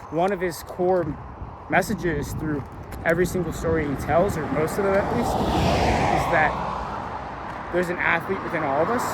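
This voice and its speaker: A young man talking casually to camera on a long road after a run, out of breath and rambling with lots of fillers. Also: on the high side. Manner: relaxed and rambling, many "like" fillers. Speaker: vlogger. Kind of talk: casual vlog talk to camera. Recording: faint outdoor noise. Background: passing cars and outdoor ambience.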